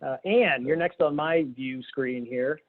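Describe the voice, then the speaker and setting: A man hosting a video-call webinar, relaxed and upbeat, laughing easily while guiding the panel. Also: medium pitch, unhurried. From Philadelphia, Pennsylvania. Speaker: webinar host. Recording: tinny phone-like call audio.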